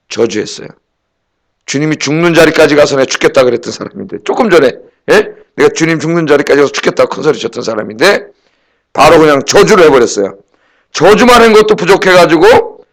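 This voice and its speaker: Slightly high-voiced pastor asking rhetorical questions. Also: male voice, vocal fry. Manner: conversational preaching with frequent rhetorical questions; acts out quoted dialogue. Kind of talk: sermon.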